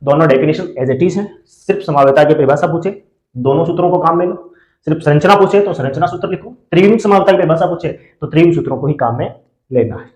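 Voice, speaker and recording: A man teaching a chemistry class, who asks questions and answers them himself and repeats key terms slowly so students can write them down. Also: fairly high pitch, darkish tone, echoey room, poor audio. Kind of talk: classroom lecture.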